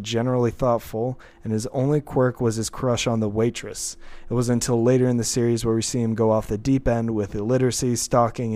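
A man's voice: mid-range voice, mellow. A man hosting a casual podcast, chatting about a TV show and reading listener comments aloud. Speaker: podcast host.

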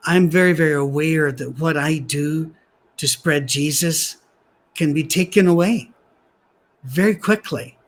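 Preaching a sermon at a church gathering staged on a soundstage, this pastor speaks softly and gently in a conversational way, tossing in dry humorous asides. His voice sits fairly high and moves at a measured pace.

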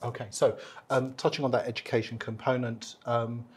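Husky-voiced male interview host. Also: medium pitch, little pitch movement, a little fast. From England, half English. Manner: warm enthusiastic interjections, formal introduction. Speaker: host, professor. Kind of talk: interview hosting.

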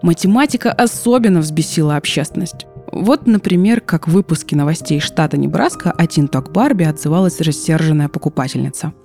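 Female narrator, lower and soft-toned, for an explanatory scripted documentary read. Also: expressive, a little fast. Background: background music.

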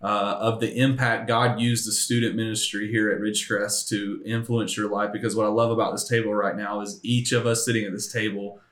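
A man's voice: fairly low pitch, level tone, brisk, few pauses, fairly bright tone. A man hosting a church podcast, speaking in an upbeat, encouraging way as he leads the conversation. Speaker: podcast host, ministry leader. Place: church room, around a table. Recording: echoey room.

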